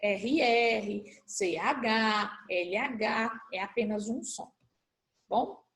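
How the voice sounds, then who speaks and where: A high-pitched woman teaching young pupils, patiently spelling out letter pairs one at a time. She talks in a roomy, echoing space at school. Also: extremely slow, gravelly, fairly bright tone. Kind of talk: recorded class review lesson.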